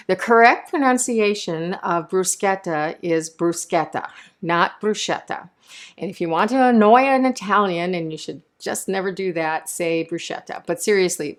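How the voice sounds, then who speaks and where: This is a woman chef leading a cooking demonstration, speaking in a notably low register. She talks in a friendly, chatty way, explaining each step and drifting into side remarks. She is recorded in a home kitchen.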